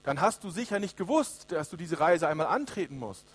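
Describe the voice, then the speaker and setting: A man's voice: a little high, animated, fairly quick. Man reading as a sly court jester. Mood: teasing.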